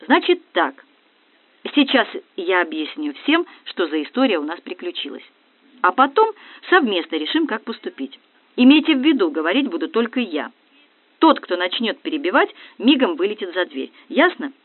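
Brief: reader doing a furious stout colonel yelling orders, lively pitch, phone-thin sound. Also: normal speed, dry recording. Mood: shouting. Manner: barking orders. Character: loud stout male police colonel, hot-tempered. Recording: dry, tinny phone-like audio.

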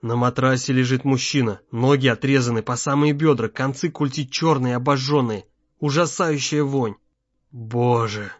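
A man narrating an audiobook in a measured, tense storytelling manner. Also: mid-range voice, steady tone, no echo. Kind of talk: scripted narration. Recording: slightly muffled, dry.

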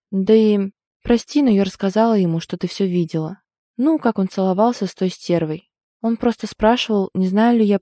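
An anxious, protective young friend, as a woman reads her in an audiobook, full of worried, hurried pleading. The tone stays warm and mellow. The sound is dry and close, with no room around it. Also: mid-range voice, no echo, natural voice.

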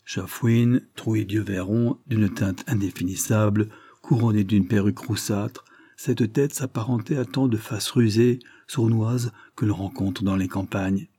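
A man reading a storybook aloud in a steady, even narration. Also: lowish voice, unhurried, breathy edge, no room sound, clean studio sound. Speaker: audiobook reader.

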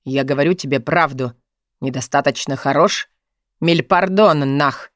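A woman's voice: deep voice, unhurried, dry recording, clean studio sound, voice pushed down. A woman reading an audiobook, voicing a domineering wealthy man who growls, mocks and presses hard. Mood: harsh.

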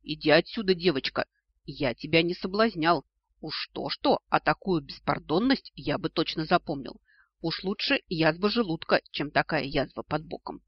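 A man's voice: fairly high pitch, animated, moderate pace, husky, no echo. A man voicing a grumpy, sarcastic ancient male dragon in a storybook reading, with mocking, grumbling retorts. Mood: gruff mocking. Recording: dull lo-fi dry recording.

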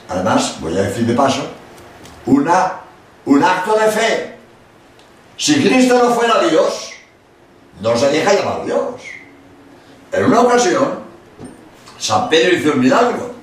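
Heard from a distance in an echoey hall with faint noise, an elderly Spanish priest lectures on religion in a high-sitting voice. He speaks slowly with long pauses, yet stays animated, acting out quotes and tossing in emphatic asides.

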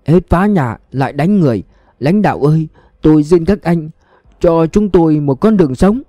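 A man's voice: fairly high pitch, lively intonation, fairly quick, dark tone, dry recording, voice pushed up, lightly acted. A man voicing a grief-stricken elderly woman who sobs and begs in a raised, strained voice. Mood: weeping, pleading. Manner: sobbing, begging. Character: elderly grieving woman, tearful, pleading.

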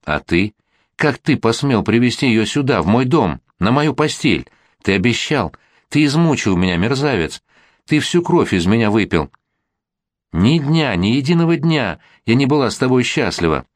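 A man voicing a hysterical, wounded middle-aged wife, shrill and mocking, in a read-aloud story. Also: expressive, moderate pace, fairly bright tone, dry recording, clean studio sound. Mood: furious.

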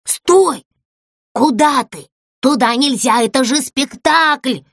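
A woman voicing an excitable bird-like doll girl in a storybook, crying out in strong feeling. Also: sits high, measured pace, no room sound, studio quality, pitched above the performer's own voice. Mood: alarmed. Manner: emotional, cries out.

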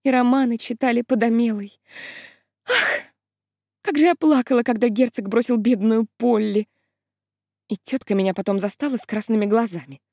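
A woman voicing a romantic, excitable young maid in a country pageant, chattering breathlessly with gasping exclamations. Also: a little high, moderate pace, pauses often, no room sound, studio quality. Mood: excited, gossipy. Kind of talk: acted audiobook reading.

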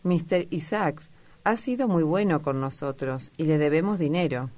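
A woman's voice: deep voice, moderate pace, a little mellow, lightly acted. A woman reading as a worn, complaining old mother. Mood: scolding. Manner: plaintive, scolding. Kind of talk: audiobook character reading.

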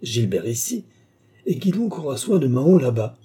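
A man's voice: medium pitch, normal speed, dark tone, husky. A man voicing a haughty, irascible older baron in an audiobook, with a scornful, blustering manner. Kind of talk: audiobook character reading.

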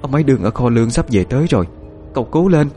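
A man's voice: mid-range voice, expressive, racing, dark tone, soft background music, voice pushed up, lightly acted. Man doing a tearful pleading noblewoman. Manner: voice catching, pleading.

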